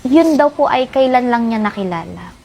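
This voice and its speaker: A woman interviewer asking short, calm questions and softly acknowledging the answers. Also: on the high side, moderate pace, vocal fry. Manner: brief, attentive, many soft affirmations.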